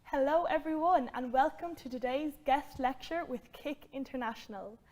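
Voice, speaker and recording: A young woman with a high voice opens a lecture as its host. She speaks politely and clearly, reading a scripted welcome. It sounds recorded by a camera a little way off in a bright room. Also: normal speed. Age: 20s. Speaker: event host. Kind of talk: scripted introduction. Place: bright room with plants and windows.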